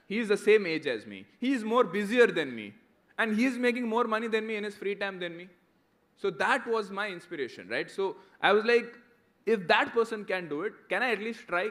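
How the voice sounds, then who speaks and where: Fielding student questions at a motivational talk with Q&A, an Indian guest speaker around thirty keeps things conversational and frequently adds "right?" to his sentences. His voice is a little high, with a fairly bright tone.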